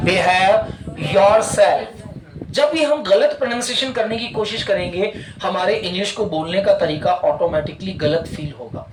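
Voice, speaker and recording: Male English teacher, high voice, drills students with questions; noisy classroom. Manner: quizzing students with repeated questions, drawn-out English phrases. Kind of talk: classroom language lesson. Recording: echoey room with loud background noise.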